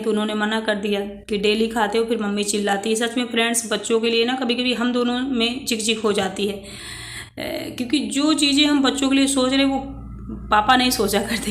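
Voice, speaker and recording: In a roomy-sounding home kitchen with slight background noise, a woman in her thirties with an Indian Hindi accent does housework and chats casually with viewers on her vlog. Her voice is a little high and a bit bright.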